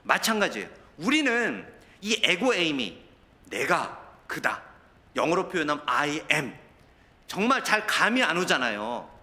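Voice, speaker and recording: Lively bright-voiced pastor preaching. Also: male voice, a little high, unhurried. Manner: animated preaching, mixes in anecdotes and quoted dialogue. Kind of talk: sermon. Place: church sanctuary. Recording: long church hall reverb.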